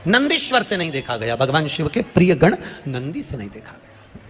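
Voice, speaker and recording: A man's voice: fairly high pitch, sing-song, normal speed, fairly bright tone. A man telling a devotional sermon story to an audience, repeating phrases for emphasis and calling out questions to the crowd. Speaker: preacher. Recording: long hall reverb with faint music.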